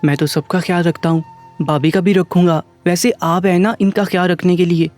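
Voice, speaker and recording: A man reading a calm young doctor. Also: high-pitched, soft background music, lightly acted. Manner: calm, professional. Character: calm young male doctor, kind brother-in-law.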